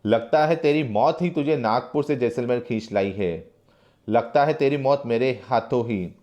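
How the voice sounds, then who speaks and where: A man's voice: medium pitch, moderate pace, a little mellow, lo-fi sound, natural voice. Cruel, furious jail official, read by a man, harsh and threatening.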